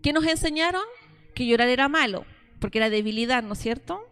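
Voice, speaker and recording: A woman pastor preaches a sermon to her congregation. Her voice sits high, and she tells her stories by voicing both sides of each conversation. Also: expressive, a little fast, fairly bright tone, clear, resonant tone, faint music behind.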